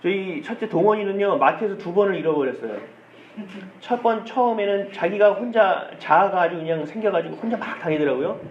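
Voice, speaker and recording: 한국인 남자 목사가 가족 이야기와 흉내를 섞어 설교하는 목소리, 울림이 큰 교회 녹음. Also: male voice, high voice, lively intonation, a little fast. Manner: storytelling with acted quotes and soft laughs. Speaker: pastor. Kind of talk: sermon. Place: church sanctuary. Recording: dull echoey church sound with faint hiss.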